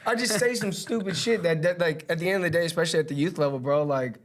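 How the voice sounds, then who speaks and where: A man's voice: fairly high pitch, fast. A man coach hosting a casual podcast chat, rambling with lots of fillers and swearing. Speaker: wrestling coach, host.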